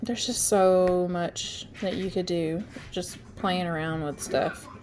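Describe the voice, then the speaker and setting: With faint music behind her, a craft tutorial host walks viewers through each step of a relaxed screen-share session. Her voice is lowish, steady, slow and slightly mellow, and she sounds congested and says "um" a lot.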